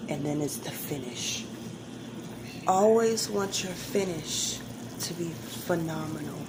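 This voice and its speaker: A woman with a somewhat low-pitched voice speaks to her viewers in a casual motivational style. She is earnest and emphatic, repeating phrases to drive them home. The recording carries clearly audible room noise behind her. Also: slow pace. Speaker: home cook and hairstylist giving motivational advice. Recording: clearly noisy room ambience.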